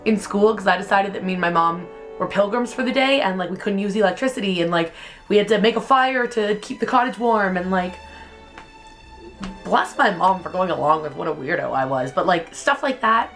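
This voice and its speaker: A woman's voice: medium pitch, fairly quick, soft background music. A young woman, telling childhood stories in a casual, chatty vlog, filling her speech with "like". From Canada. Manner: chatty, heavy use of "like", animated retelling. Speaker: vlogger.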